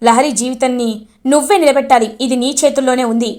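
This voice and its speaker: A woman's voice: high voice, fairly even intonation, fast, darkish tone, lightly acted. A woman voicing a worried mother-in-law urgently persuading a relative.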